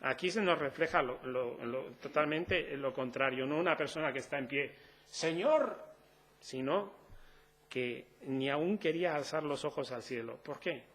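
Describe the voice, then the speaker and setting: A man's voice: mid-range voice, normal speed, fairly bright tone. A man preaching a sermon in an earnest, conversational way, asking the congregation rhetorical questions.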